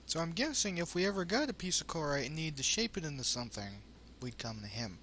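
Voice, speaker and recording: A man's voice: on the high side, lively intonation, quick pace, pushed and bright. A man hosting a let's play with casual, wry commentary that rambles into asides. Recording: home commentary with faint noise.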